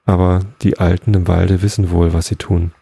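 A man's voice: deep voice, level tone, normal speed, gravelly, dark tone, slightly rough, dry recording, exaggerated voice. A man voicing a brave, loyal male farm dog in a read-aloud story. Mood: earnest.

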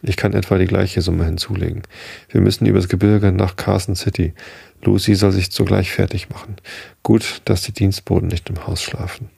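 A man's voice: low-pitched, level tone, normal speed, creaky, a little mellow, slightly rough, dry recording, studio quality, full character voice. A man voicing a grim, determined young frontier hunter in a storybook reading, speaking firmly and urgently. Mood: grimly determined. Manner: firm, urgent.

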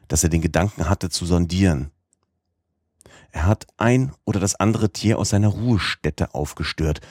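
Male audiobook narrator, low register, measured steady delivery, dry close sound. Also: husky, no echo. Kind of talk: scripted narration of a classic novel.

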